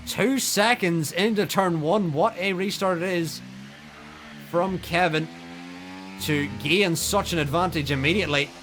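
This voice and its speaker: A man with a high-pitched voice commentates live motorsport in an excitable style. His play-by-play follows online sim racing, with engine noise clearly audible behind him. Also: measured pace. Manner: excitable, builds to shouting during incidents.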